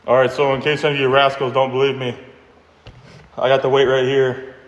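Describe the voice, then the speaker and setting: A young man narrates his gym session to the camera in a relaxed, chatty way, explaining each step as he goes. His voice sits in a middle pitch. The room is echoey, with a long reverb tail behind every word. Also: fairly quick, lo-fi sound, slight background noise. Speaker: fitness vlogger. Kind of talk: casual workout vlog.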